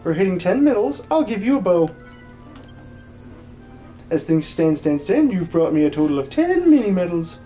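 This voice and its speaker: Dark-toned and mid-range, the voice swings widely in pitch at a moderate pace, often pausing, and stays close to everyday speech. Soft background music accompanies it. It's a game dub of an excitable, jolly, fussy old hermit who stutters by tripling his words.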